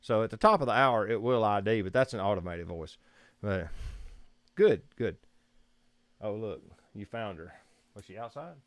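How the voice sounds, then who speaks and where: Talking from a room in his house, a Southern-accented photography streamer from Georgia keeps things easygoing and rambling, laughing softly often. His fairly low voice has lively intonation and a moderate pace with frequent pauses, and there's no echo.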